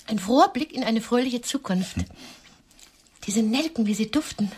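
An actress voices a coy, nervous, wounded single woman on a date in a radio drama, flirting politely in a measured, sometimes breathy way. Her voice sits on the high side with lively intonation and a darkish tone, lightly acted, with a little hiss or hum.

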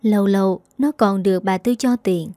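Lady narrating a spooky story, mellow voice, dry close mic. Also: mid-range voice, moderate pace, dry recording. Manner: steady dramatic storytelling. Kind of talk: scripted horror story narration.

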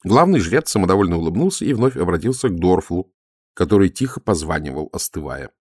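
Low-voiced male audiobook narrator. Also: a little fast, no room sound, clean studio sound. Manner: expressive, lively reading.

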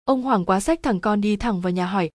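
A woman narrating a spooky village story in a steady, even storytelling tone. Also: mid-range voice, a little fast, no echo, clean studio sound.

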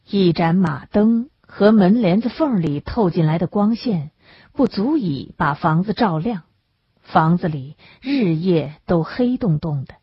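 A woman narrating an audiobook in a measured, even storytelling manner, recorded close on the mic. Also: fairly low pitch, slightly rough, no echo. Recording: dull lo-fi recording.

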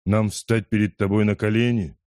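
An insistent conspirator presses his case in a low, mellow voice, as a man reads him in an audiobook. He talks steadily and persuasively, and the sound is dry and close. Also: steady tone, normal speed, no echo, lightly acted. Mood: pleading. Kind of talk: audiobook character voice.

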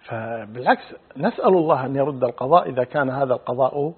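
A middle-aged male Islamic scholar answering religious questions in a measured, explanatory way, quoting hadith. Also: mid-range voice, animated, husky. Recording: phone-like narrow band.

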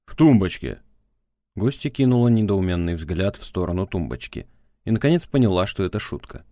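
An audiobook narrator with a very low male voice reads a scripted text in a steady, measured manner. The sound is close and dry, without any room sound.

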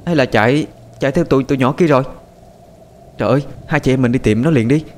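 A man voicing a panicked young older sister who searches for her brother, pleading in a high, frantic voice. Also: fast talker, a little mellow, a little hiss or hum, natural voice. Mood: worried.

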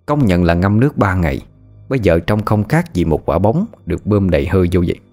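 Low-voiced guy telling a ghost story, steady pace, faint music underneath. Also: brisk.

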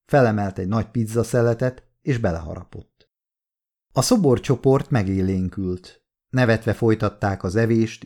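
Brief: male audiobook narrator, low-pitched, steady and measured. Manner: calm, measured reading with slow pauses at key moments.

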